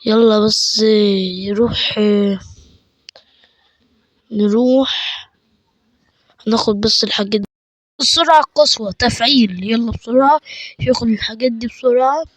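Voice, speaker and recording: A man with an Egyptian Arabic accent giving chatty let's play commentary, excitable and quick to burst into panicked repeated shouts. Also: very high-pitched, dry recording. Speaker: gaming channel host.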